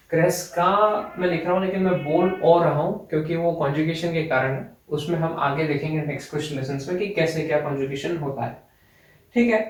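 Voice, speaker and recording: A young man teaching an online language lesson, explaining step by step and repeating each word slowly. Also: fairly high pitch, darkish tone. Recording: echoey room, voice from a distance.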